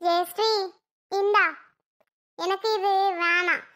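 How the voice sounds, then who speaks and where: Casting: woman playing a shy cartoon girl, very high and bright, soft and yielding. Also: level tone, takes it slowly, heavily acted. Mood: meek. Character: meek gentle little girl, sad but giving. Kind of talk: cartoon voice acting.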